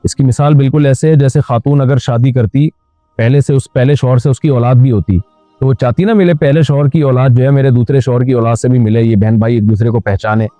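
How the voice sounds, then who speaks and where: A man's voice: mid-range voice, fairly even intonation, a little fast, dark tone, no echo. A man, an Islamic scholar, answering questions and giving direct, plain-spoken religious advice. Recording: tinny phone-like sound with faint music.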